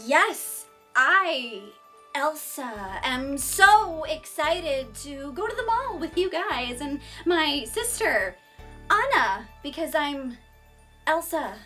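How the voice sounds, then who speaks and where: A woman's voice: sits high, sing-song, slow, bright, forceful tone, faint music behind, heavily acted. A woman playing a bubbly, clumsy young princess stuck in her sister's body, hesitant and slipping up in a live-action play-acting skit. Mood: eager.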